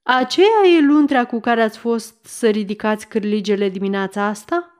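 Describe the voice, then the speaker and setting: A woman's voice: on the high side, a little mellow, natural voice. Woman reading as a stern village mayor. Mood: probing. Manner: firm, questioning. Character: stern middle-aged male village mayor. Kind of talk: audiobook reading.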